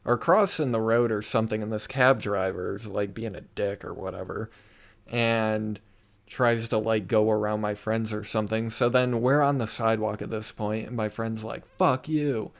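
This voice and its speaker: A young man hosting a casual podcast, telling stories with lots of swearing and loud acted-out quotes. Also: lowish voice, normal speed, vocal fry. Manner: animated storyteller, swears a lot, acts out quoted voices loudly. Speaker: podcast host. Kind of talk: casual chat.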